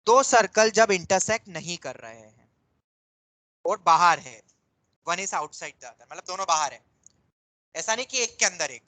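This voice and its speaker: A man's voice: high-pitched, lively intonation, unhurried, pauses often, bright, forceful tone, low-quality recording. A man teaching maths in a classroom, explaining patiently in Hindi mixed with English terms and calling his students "beta". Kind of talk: classroom lecture.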